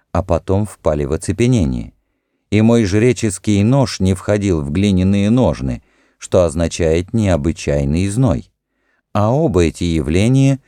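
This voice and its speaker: A man's voice: sits low, warm tone, no room sound, clean studio sound. A man reading a cautious older priest in an audiobook, speaking earnestly in warning.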